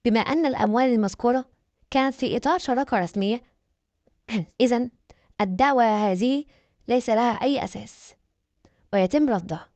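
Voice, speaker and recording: A woman voicing a calm, formal middle-aged judge who gives a ruling. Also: a little high, fairly quick, long pauses, no echo, highs cut off, natural voice.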